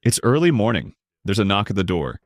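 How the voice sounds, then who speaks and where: A man giving scripted narration that explains legal rights in a measured, emphatic way. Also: lowish voice, sing-song, no room sound, clean studio sound.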